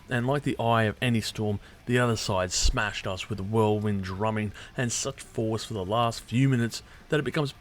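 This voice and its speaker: A man with a lowish voice performs a scripted album review monologue, sarcastic and irreverent, with casual swearing. There's a little hiss or hum in the recording.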